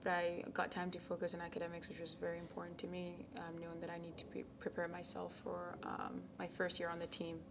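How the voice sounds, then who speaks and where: Speaking a little fast with hardly any pauses, this young adult from Ghana captains a college tennis team and fields interview questions in a soft, casual way. Her voice is low and rather flat, peppered with ums, and now and then drops to near whispers over a clearly noisy background.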